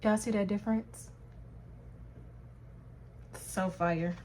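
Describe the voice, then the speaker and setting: A woman's voice: medium pitch, fairly even intonation, a little mellow, slight background noise. A young woman beauty vlogger chatting casually through a makeup tutorial, talking straight to her viewers. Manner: chatty, addresses viewers as y'all, drawn-out pace.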